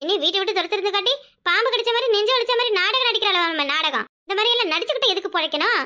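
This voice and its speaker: A woman voicing a quarrelsome, sharp-tongued village wife in a cartoon, with a Kanyakumari Tamil accent, scolding in rapid complaints. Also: extremely high pitch. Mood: indignant. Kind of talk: cartoon voice acting.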